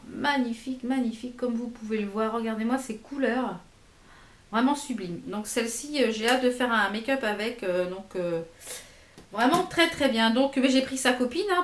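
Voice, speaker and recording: A beauty vlogger with a slightly high voice chats casually about makeup, her enthusiasm for the products obvious. She hesitates a lot, leaning on fillers and repeating herself, and the recording sounds roomy.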